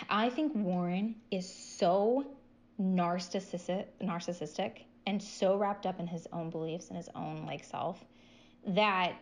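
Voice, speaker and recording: Young woman on a podcast, swears a lot, says like constantly, mid pitch. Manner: blunt, profane, lots of "like". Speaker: podcast co-host. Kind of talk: casual chat.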